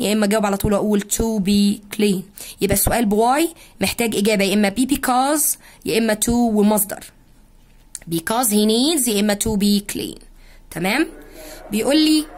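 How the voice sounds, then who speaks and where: An Egyptian woman teaching English to young children. She stretches the English words out slowly, then rattles off quick explanations in Arabic. Her voice sits in a middle pitch.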